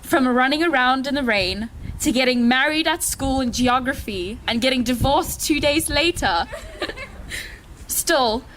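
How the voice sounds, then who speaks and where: A woman's voice: high-pitched, measured pace, fairly bright tone, slight background noise. A woman in her late teens giving a graduating student's farewell speech at school, tearful and laughing often mid-sentence. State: tearful, laughing through tears. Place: school hall with audience.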